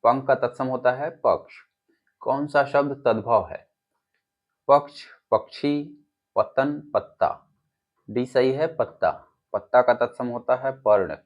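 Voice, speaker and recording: Slow, deliberate Hindi exam tutor. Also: male voice, medium pitch. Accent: Uttar Pradesh Hindi. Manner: reads each option, then gives and explains the answer. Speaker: teacher. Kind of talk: exam-prep lesson, reading quiz options. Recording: dull lo-fi audio.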